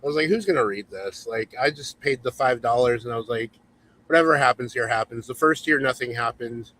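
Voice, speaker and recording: A man's voice: medium pitch, brisk, fairly bright tone, poor audio. A man in his forties hosting a casual livestream chat over a video call, chatty and reading viewer comments aloud. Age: 40s. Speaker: host.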